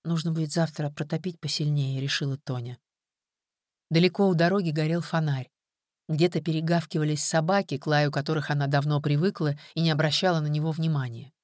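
A woman narrating an audiobook in a steady, even reading voice. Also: low voice, a little fast, no echo, clean studio sound. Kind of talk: scripted narration.

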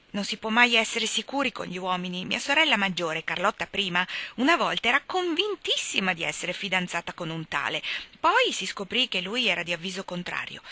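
A woman's voice: mid-range voice, bright, forceful tone. A woman voicing an eager young maid girl who chatters breathlessly and gossips, in an audiobook reading.

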